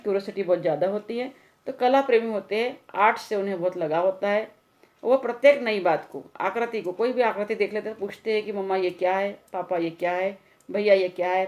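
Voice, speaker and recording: A woman's voice: mid-range voice, a little mellow. A woman teacher lecturing trainee teachers, explaining each point and repeating key ideas with English terms mixed in. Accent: Indian Hindi. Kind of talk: Hindi classroom lecture.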